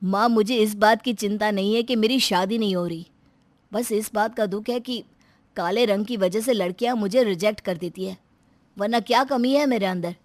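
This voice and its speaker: A woman's voice: medium pitch, moderate pace, dry recording, lightly acted. A woman voicing an eager young cartoon man. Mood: troubled. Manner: earnest, slightly eager pleading tone. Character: eager young man, insecure about his looks. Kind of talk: cartoon voice acting.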